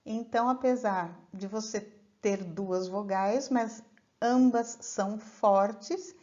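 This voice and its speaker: A woman explains a lesson at a slow, unhurried pace. She reads verses syllable by syllable in a mellow, fairly high voice. The recording sounds dull and lo-fi. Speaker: teacher.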